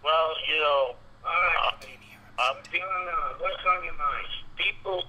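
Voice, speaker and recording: A man calling in to a talk show over a phone line that keeps breaking up, speaking haltingly and repeating his words. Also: fairly high pitch, pushed and bright, slightly rough. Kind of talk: casual phone call. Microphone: telephone.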